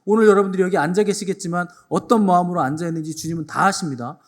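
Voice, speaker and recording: Pastor guy preaching, slightly high voice, lots of questions at the crowd, kinda playful. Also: fairly even intonation, very fast. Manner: emphatic, rhetorical questions to the congregation; playful asides while retelling stories. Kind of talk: sermon. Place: church.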